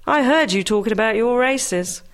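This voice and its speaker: A woman's voice: a little high, expressive, normal speed, pitched above the performer's own voice. A woman voicing a polite but smug champion racing greyhound in a joke.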